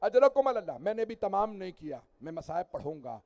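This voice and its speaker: A male cleric recites a mourning sermon with a high, carrying voice. His delivery is impassioned and elegiac. He sounds tearful at times and swells into wailing cries. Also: very animated, a little fast, darkish tone. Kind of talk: Shia majlis mourning sermon.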